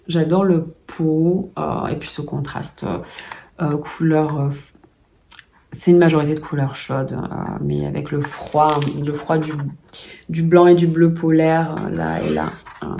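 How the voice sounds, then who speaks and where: A woman vlogging casually at home, gushing with excitement and often restarting with fillers. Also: sits low, unhurried, vocal fry, slight background noise. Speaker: puzzle vlogger. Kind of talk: casual vlog chat.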